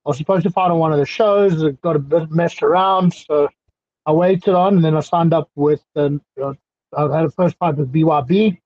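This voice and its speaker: On a video call from a small indoor room, a guest fighter in his thirties speaks through a headset in a South African accent. His brisk voice sits on the high side with no echo, though the call audio is muffled and lo-fi. He comes across as relaxed and chatty, quick to laugh.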